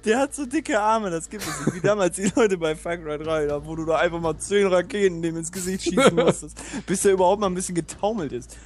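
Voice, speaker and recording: A man's voice: high voice, quick pace, hardly any pauses. A young man talking in casual slang while playing a co-op video game with a friend. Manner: slangy, colloquial. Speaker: Let's Play co-host. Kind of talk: casual co-op gaming chat. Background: video game ambience.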